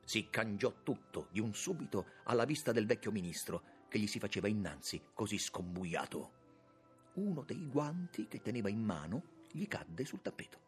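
A man narrating a classic novel as an audiobook, reading in an expressive, dramatic way. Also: lowish voice, normal speed, soft background music.

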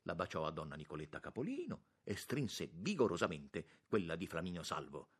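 A man reads a classic novel aloud with measured expression. His voice is deep and husky. The intonation rises and falls in a lively way. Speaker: audiobook narrator. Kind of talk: scripted literary narration.

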